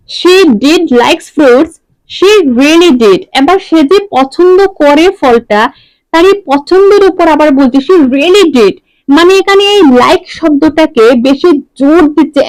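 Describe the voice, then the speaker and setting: High-voiced woman teaching grammar. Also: no echo, rough recording. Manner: explains step by step, asks and answers own questions. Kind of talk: online grammar lesson.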